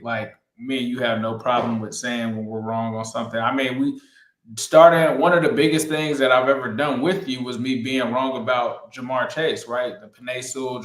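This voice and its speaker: A man co-hosts a casual sports talk show in an agreeable, conversational way. His voice is mid-pitched, and the recording carries the echo of a roomy space. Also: fairly bright tone. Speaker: sports podcast co-host. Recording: echoey room.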